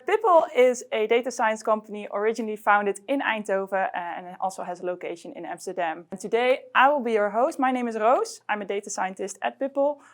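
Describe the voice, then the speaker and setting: A woman hosting a webinar, introducing the guest in a brisk, scripted way. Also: medium pitch. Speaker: host.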